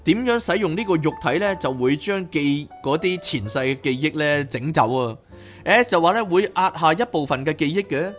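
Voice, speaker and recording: A man reads a book aloud as podcast host and breaks off into animated, chatty asides. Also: on the high side, a little fast, faint music behind. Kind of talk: reading a book aloud with commentary.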